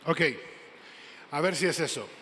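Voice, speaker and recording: A man preaching a sermon as pastor, emphatic and repeating key phrases slowly, on a handheld mic in a church hall. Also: fairly high pitch, a bit bright, a little hiss or hum. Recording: long hall reverb.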